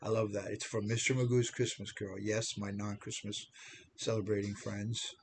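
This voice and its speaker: Fairly low and gravelly, this American man in his seventies delivers his personal testimony flatly at a normal speed. He rambles, restarts, repeats words and makes fun of himself. A little hiss or hum is audible.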